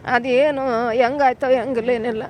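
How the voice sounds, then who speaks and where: A woman's voice: a little high, fairly even intonation, normal speed, a little hiss or hum. A woman, a grieving mother telling in rambling way what happened. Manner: rambling, dialect-heavy telling. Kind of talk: emotional interview testimony.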